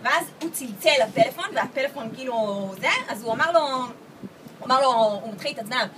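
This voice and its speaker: Lively high-voiced woman telling a story. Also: background noise. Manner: lively, acts out quoted voices with laughter. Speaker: storyteller at a gathering. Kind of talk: casual animated storytelling. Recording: distant mic with loud crowd chatter. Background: crowd of people talking.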